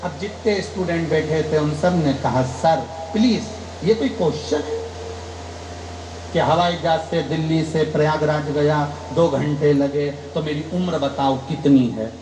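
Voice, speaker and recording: A kathavachak preacher gives a devotional katha sermon, telling anecdotes and acting out their dialogue with emphatic rises in pitch. He speaks at a measured pace, in a roomy-sounding recording with background noise.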